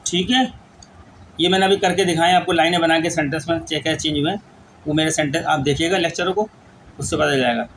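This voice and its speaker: A man teaching English grammar, dictating rules slowly word by word as he writes them out. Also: on the high side, fairly even intonation, a bit bright, a little hiss or hum, low-quality recording. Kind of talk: lecture explaining grammar rules.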